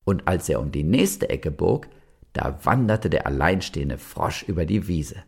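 A man reading a children's story aloud, lively and speaking directly to the children. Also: low voice, a little slow, gravelly, slightly rough.

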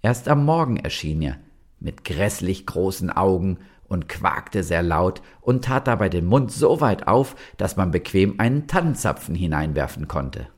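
Casting: male storyteller for kids, deep and lively, husky. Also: unhurried. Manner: lively, addresses children directly. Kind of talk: reading a children's story aloud.

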